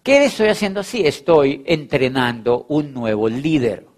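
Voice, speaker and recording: A man with a slightly high voice, speaking a little slowly, gives a motivational talk on network marketing. He tells stories in an animated way, teasing playfully and acting out both sides of each conversation.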